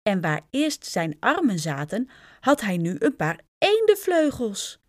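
A woman's voice: mid-range voice, wildly swooping pitch, unhurried, dry recording, studio quality. A woman reading a children's storybook aloud, speaking directly and expressively to young listeners.

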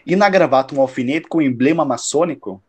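A man playing a shrewd, self-assured detective in a radio drama, analytical, probing and slightly condescending in a measured delivery. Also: medium pitch, darkish tone, a little hiss or hum, natural voice. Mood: knowing, assured.

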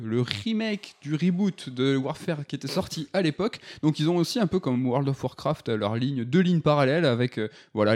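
A man's voice: a little high, darkish tone. A man hosting a casual gaming podcast, chatty and full of hesitation fillers. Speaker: podcast host.

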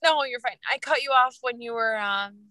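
A woman's voice: on the high side, normal speed, bright, forceful tone, dry recording. Reflective young woman, dry close sound. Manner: rambling, reflective. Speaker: podcast co-host. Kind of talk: casual chat.

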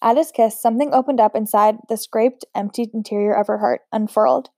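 A woman reads a novel aloud in a mellow, fairly high voice, steady and unpolished, now and then stumbling and restarting a word. The recording is dry and close, with no room sound. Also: fairly quick, no echo. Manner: steady, unpolished reading with occasional slips and restarts. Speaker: audiobook reader.

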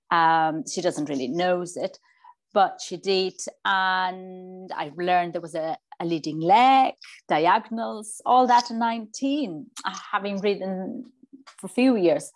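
A woman in her forties from Spain with a Spanish accent, a riding coach chatting in an interview, often repeating words as she restarts. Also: on the low side. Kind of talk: casual interview.

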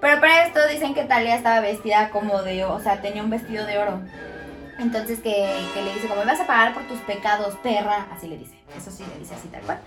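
A young woman with a Mexican accent casually retelling a fairy tale in slangy, animated chat, acting out the characters' lines. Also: medium pitch, fast talker, roomy sound, music in the background. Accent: Mexican Spanish. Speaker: storyteller in a podcast chat.

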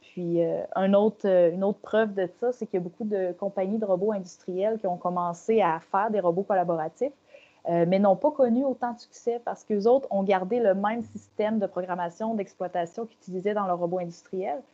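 A woman's voice: mid-range voice, steady tone, a little fast, dark tone, lo-fi sound. A woman with a Québécois French accent, a panelist explaining her views in a round-table discussion, thoughtful and full of fillers.

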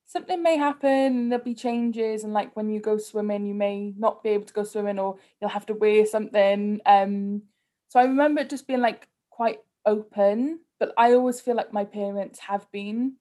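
A woman from Cardiff, Wales, with a local Cardiff Welsh accent, speaks in a mellow mid-range voice with fairly even intonation at a moderate pace. As a podcast guest in a casual personal interview, she's candid and conversational, sprinkling in "like" a lot.

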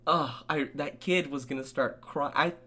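A young man co-hosting a casual podcast chat, ranting with animated, laughing delivery. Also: fairly high pitch, moderate pace. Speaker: podcast co-host.

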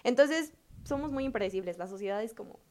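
A woman's voice: a little high, expressive, fast talker, a little mellow. A young woman with a Mexican accent on a student panel, musing hesitantly and trailing off as she thinks aloud. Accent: Mexican Spanish. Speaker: student co-host. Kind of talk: casual panel chat.

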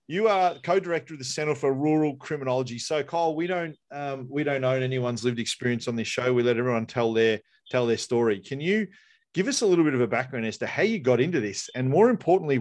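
Casting: Australian male podcast host, casual and friendly in tone, mid-pitched. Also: darkish tone. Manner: chatty, uses 'mate'.

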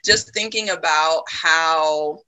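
A woman from the United States talking reflectively in a casual conversation, often pausing with ums and laughing. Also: low voice, pushed and bright, clear, resonant tone, low-quality recording.

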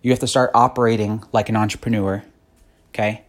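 A man's voice: fairly low pitch, little pitch movement, brisk. A man in his thirties hosting a podcast, giving a blunt, profane motivational monologue that grows more fired-up. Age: 30s. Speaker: podcast host.

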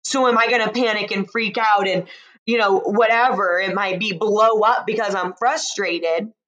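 A woman with a mid-range voice speaks straight to the listener in a casual, intimate motivational style. She lets phrases stretch out with pauses between them. Her manner is reassuring and encouraging throughout. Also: mid-range voice, fairly even intonation, fairly bright tone, muffled recording.

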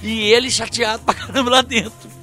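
A man, co-hosting a casual chat and telling stories in an animated way, laughing as he acts out the people in them. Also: very high voice, fairly quick, soft background music. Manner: animated, laughs through his stories, acts out quoted voices.

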